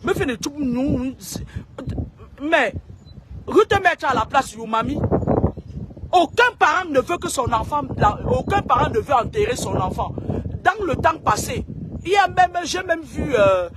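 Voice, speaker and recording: A woman's voice: sits high, lively intonation, a little slow, noisy background. A woman speaking straight to camera in a long, scolding monologue. She repeats herself and stammers on words as she goes. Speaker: self-styled seer.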